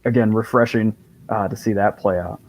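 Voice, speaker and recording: A man's voice: on the low side, steady tone, moderate pace, a little mellow, low-quality recording. A man in casual chat about a movie, rambling along with lots of fillers.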